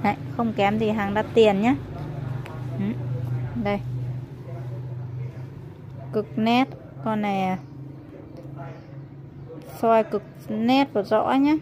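A woman shop seller giving an informal hard-sell product pitch, repeatedly urging a bargain. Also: fairly even intonation, slow, long pauses, background noise.

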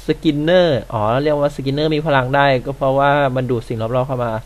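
A man's voice: mid-range voice, moderate pace. A man commenting live as he plays a video game, exclaiming and swearing at what happens on screen. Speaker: gamer. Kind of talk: let's play commentary.

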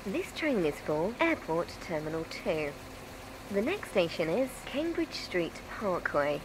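A woman reading a scripted train station announcement in a measured, formal manner as an onboard announcer. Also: very animated. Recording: loud train rumble behind the voice. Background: loud train and vehicle ambience.

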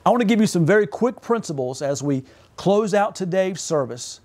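A pastor in his forties preaches into a close camera from a small home office. His voice sits high for a man, and he drives the sermon with fervent emphasis and repeated calls for an amen. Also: animated, moderate pace, a little mellow. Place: home office with purple lighting.

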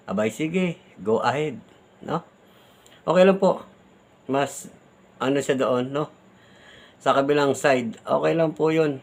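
Man, vlogger, casual defensive talk to viewers, repetitive, polite tag questions. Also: medium pitch. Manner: defensive, repeats himself, tags lines with "no?" and "di ba?"; polite, uses the respectful "po" often.

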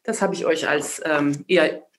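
A woman's voice: sits low, fairly even intonation, normal speed. A woman artist in a casual dinner-table discussion, talking reflectively and asking herself questions aloud. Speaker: panel participant, artist.

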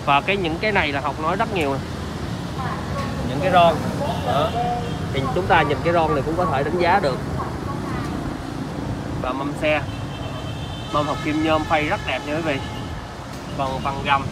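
A man with a southern Vietnamese accent giving an improvised used car salesman's walkaround pitch, repeatedly reassuring the viewers he addresses. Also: moderate pace, pauses often. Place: outdoor car lot and inside a car. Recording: clear outdoor car lot ambient noise.

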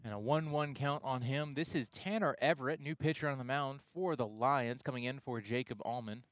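A young man calls play-by-play for a college baseball game, chatty, loose and self-correcting, getting excited on big plays while he has the hiccups. His mid-range voice moves fairly quickly and has no room sound.

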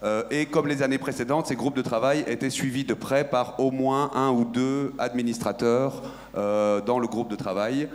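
A man's voice: mid-range voice, steady tone, moderate pace. A man moderating a general assembly, thanking speakers and introducing the next item in an orderly way with frequent fillers. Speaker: meeting moderator.

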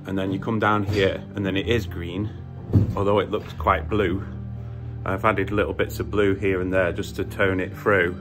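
Emotional man, phone selfie. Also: fairly low pitch. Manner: emotional, gushing, halting restarts. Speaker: kayak builder. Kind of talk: casual selfie vlog. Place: indoor workshop. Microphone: phone at arm's length.

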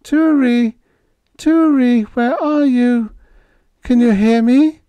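A man doing a high, quavering young girl. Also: slow pace, mellow, clear, resonant tone, dry recording. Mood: pleading. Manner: high, quavering, pleading calls. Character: frightened young girl calling to a robot.

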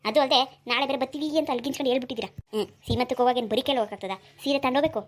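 Woman doing a bitter village mom, high voice, rattles off her complaints. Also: rapid-fire. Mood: grumbling. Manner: bitter, grumbling, sarcastic. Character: sharp-tongued jealous village mother. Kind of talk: cartoon voice acting.

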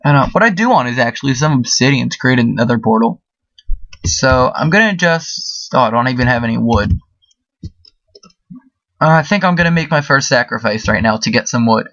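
A man talks his way through a let's-play in an easy, rambling manner, leaning on fillers as he goes. The recording is dry and close with no room sound, and a little muffled. His pitch sits in an ordinary middle range. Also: lively intonation, brisk, a bit bright, no echo. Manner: chatty, rambling, full of fillers. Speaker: gaming video host. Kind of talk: casual let's-play commentary.

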